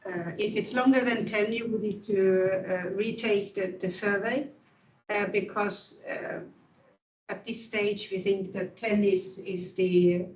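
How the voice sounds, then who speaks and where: A woman presenting a tool at a conference, answering questions in a halting, thoughtful way. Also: medium pitch, fairly even intonation, darkish tone, dull audio, slight background noise. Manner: halting, thoughtful explanation with fillers. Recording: echoey room, distant mic.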